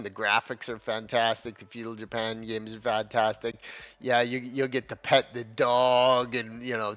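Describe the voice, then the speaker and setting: A man's voice: medium pitch, a bit bright. A man hosting opinionated gaming commentary, swearing often and rambling in stop-start phrases with many restarts. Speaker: channel host. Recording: dull lo-fi with faint music.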